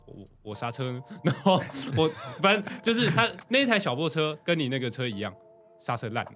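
A young man with a Taiwanese Mandarin accent telling a story in casual podcast chat, animated, laughing often and acting out what people said. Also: fairly high pitch, fairly quick. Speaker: podcast co-host.

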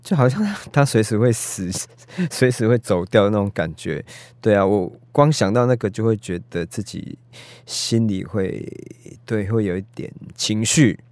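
A man's voice: on the low side, moderate pace, a little mellow, no echo. A man with a Taiwanese Mandarin accent in a casual interview as a guest film director, hesitant and self-deprecating, searching for his words.

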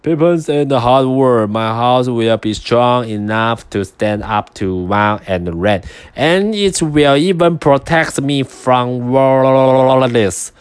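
A man voicing a determined, hardworking little pig in a storybook reading, earnest and slow. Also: medium pitch, expressive, clear, resonant tone, no echo.

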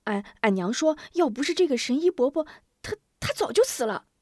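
Woman doing a bright-voiced young boy for a storybook, high and quick, tumbling questions. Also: very animated, no echo. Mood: anxious. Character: eager young boy, anxious and curious.

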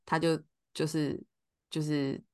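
A woman's voice: low-pitched, slow, clear, resonant tone. A woman, co-hosting a podcast and telling a story in casual chat, acting out the lines of the people in it. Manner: animated, acts out quoted lines. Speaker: podcast co-host.

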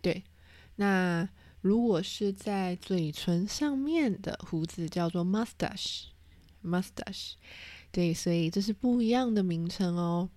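Slow, mellow-voiced woman teaching vocabulary. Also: fairly low pitch, no room sound. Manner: spells words letter by letter, repeats terms. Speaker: English teacher. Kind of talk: vocabulary lesson.

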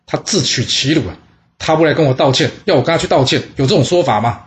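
A man's voice: fairly high pitch, quick pace, close to an everyday voice. A man voicing a proud, defiant ancient nobleman who schemes against his ruler. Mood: scornful.

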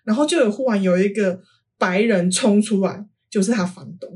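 A young woman from Taiwan, co-hosting a podcast and telling stories in a casual, animated way, acting out the quoted lines. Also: mid-range voice, moderate pace. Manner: animated, acts out quoted dialogue. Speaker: podcast co-host. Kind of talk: casual storytelling chat.

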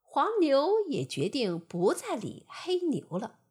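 A woman narrating a bedtime fable with a gentle, expressive storytelling manner. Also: medium pitch, unhurried, breathy edge.

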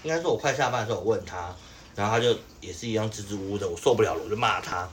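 A man's voice: lowish voice, racing, a little hiss or hum. A young man, telling an exasperated work story in casual podcast chat, full of fillers. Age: young adult.

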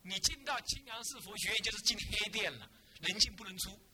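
Monk guy giving a dharma talk, high voice, keeps asking rhetorical questions and scolding his students. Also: animated, a little fast, bright, forceful tone. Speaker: Buddhist abbot and teacher. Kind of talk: Buddhist dharma lecture to students.

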